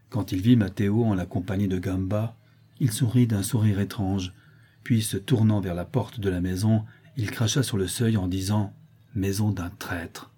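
A man narrating a classic tale in a measured, storytelling way. His voice sits a little low, with a mellow, dark timbre and a husky edge. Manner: measured storytelling, voicing characters in dialogue. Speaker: audiobook narrator.

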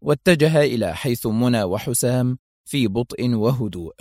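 A man narrating an audio spy novel in a measured, dramatic storytelling style. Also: mid-range voice, expressive, dark tone, no room sound, studio quality.

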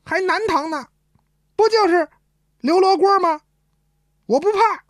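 A woman voicing a man who pretends to be mad, raving and hurling loud insults. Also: very high voice, unhurried, no room sound, studio quality, pitched above the performer's own voice. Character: wild man feigning madness, cursing.

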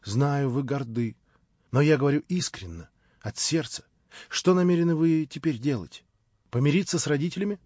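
Man as a smooth, two-faced nobleman. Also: mid-range voice, darkish tone, no room sound, lo-fi sound, natural voice. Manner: unctuous, persuasive, turning mocking. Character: smooth hypocritical middle-aged nobleman, spiteful beneath.

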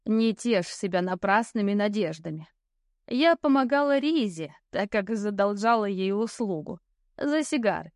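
A woman reading an audiobook, voicing a sly, languid old woman ghost who tells fortunes and smokes cigars, with a slow, mocking drawl. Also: mid-range voice, animated, no echo, studio quality, lightly acted. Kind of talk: audiobook character voice.

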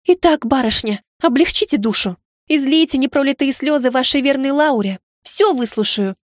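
A woman's voice: high-pitched, animated, normal speed, no room sound, clean studio sound, voice pushed up. A woman voicing a plump, eager young maid who gushes breathlessly and lives for love stories. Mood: gushing, eager. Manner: breathless, exclaiming, gasping. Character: eager gushing young maid, romance-hungry.

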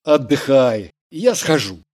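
A woman voicing a young man, a jealous and earnest lover, with terse, gruff short replies. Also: very deep voice, big pitch swings, slow, darkish tone, pitched below the performer's own voice, full character voice.

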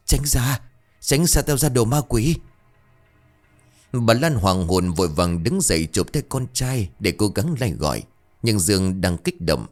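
A man narrating a ghost story dramatically and expressively. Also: deep voice.

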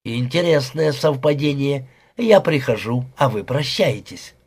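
A furious, jealous young husband in an audiobook, sneering and explosive, as a male reader puts him on. The voice is husky and rough, with an even middle pitch. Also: measured pace.

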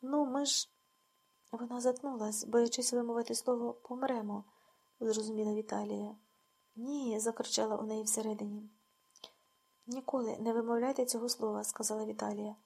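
A woman reads a novel aloud in quiet, restrained audiobook narration. Her voice sits a little high but sounds dark and mellow, with a creaky, husky edge. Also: little pitch movement, fairly quick. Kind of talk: scripted narration.

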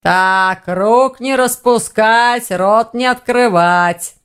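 A woman voicing a gruff old male orc armorer in an audiobook, slow and grumbling with a hoarse low voice. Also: fairly bright tone. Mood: stern. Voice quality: hoarse bass. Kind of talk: audiobook reading.

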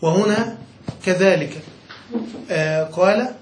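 Speaking slowly in a high voice, a man tutors a student in Arabic grammar from a classic text. He reads passages aloud before explaining them and regularly asks if he is understood, in an echoey room with faint noise.

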